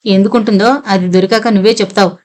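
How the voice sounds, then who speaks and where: A woman's voice: medium pitch, fairly even intonation, fast, a little mellow, lightly acted. A woman reading the lines of a stern, sarcastic male police inspector who talks in blunt commands.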